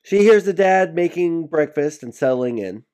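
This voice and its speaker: A man co-hosting a podcast, telling stories in an animated, joking way in a casual chat. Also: on the high side, moderate pace, smooth. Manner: animated storytelling with laughs. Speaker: podcast co-host.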